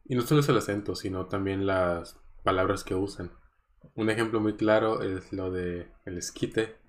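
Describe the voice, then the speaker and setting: A man's voice: sits low, normal speed. A man from Mexico with a Mexican Spanish accent, hosting a casual solo podcast, rambling and chatty with many fillers and chuckles. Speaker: podcast host.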